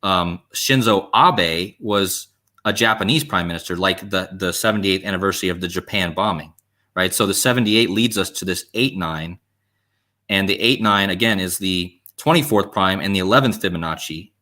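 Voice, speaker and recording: A man's voice: sits low, normal speed, bright, forceful tone. A man in his thirties from Ohio, hosting a casual chat and speaking hesitantly. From Ohio, United States. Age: 30s. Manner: hesitant, full of fillers and restarts. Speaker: host.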